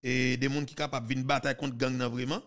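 A man in his thirties with a Haitian accent, giving heated, mocking political commentary on a podcast, with sudden loud outbursts. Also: medium pitch, flat delivery, very fast. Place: small studio. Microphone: studio mic with headphones.

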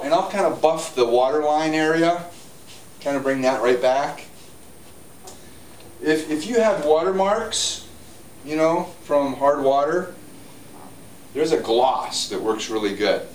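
A man's voice: mid-range voice, slight background noise. A man in his forties, a hot tub store owner, giving a casual, upbeat how-to demo while moving around and gesturing. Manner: chatty, upbeat, walks and gestures while explaining. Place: spa showroom, indoors, large. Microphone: camera on tripod at a distance. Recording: roomy showroom audio, camera mic from a distance.

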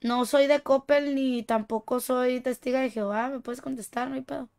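A woman's voice: high voice, steady tone, moderate pace, a little mellow. A woman with a Mexican accent streaming a shooter game, chatting casually with playful, teasing, boastful banter. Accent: Mexican Spanish. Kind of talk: casual gaming stream chat.

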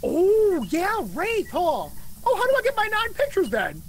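Man, in-game voice chat, high lively voice, playful teasing callouts. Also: unhurried, a little hiss or hum. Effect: heard through in-game proximity voice chat. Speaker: co-op gaming partner. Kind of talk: casual gaming chat.

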